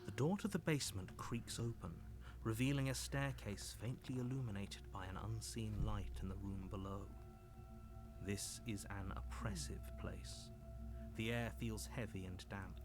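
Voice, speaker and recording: Guy acting ominous male game narrator, low voice, stern and measured, music behind. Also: natural voice. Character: stern, foreboding narrator warning against a manipulative princess. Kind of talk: video game scripted narration.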